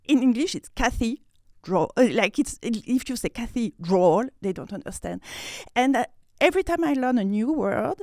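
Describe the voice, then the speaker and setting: A woman's voice: a little high, lively intonation, moderate pace, warm tone, no room sound, studio quality. A woman from France with a French accent, a guest in a casual interview, speaking expressively, breaking into laughs and repeating words as she searches for them.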